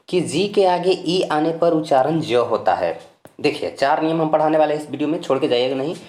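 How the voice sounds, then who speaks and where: With a mid-range voice and a darkish tone, an Indian teacher gives a step-by-step pronunciation lesson, patiently spelling words letter by letter. Every rule is repeated and the learners hear steady reassurance, all in a recording with roomy echo.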